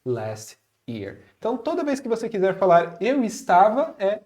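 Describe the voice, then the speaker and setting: A man co-hosting an English lesson, giving example sentences and saying them slowly and carefully as models to repeat. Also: high voice, animated, darkish tone. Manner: slow, careful model pronunciation of example phrases. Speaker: English teacher, co-host. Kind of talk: casual online language lesson.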